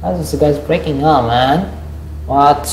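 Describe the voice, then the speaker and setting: Male streamer, slow exclamatory commentary, roomy home room. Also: a little high, darkish tone, slight background noise. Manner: exclamatory, rambling. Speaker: gaming streamer. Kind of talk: casual live-stream commentary.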